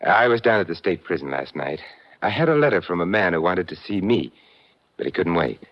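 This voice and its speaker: An actor playing a suave, refined gentleman adventurer with urbane, dry wit in a 1950 radio drama. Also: deep voice, expressive, a little fast. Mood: earnest. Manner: urbane, sardonic, understated. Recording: muffled old radio broadcast, faint music.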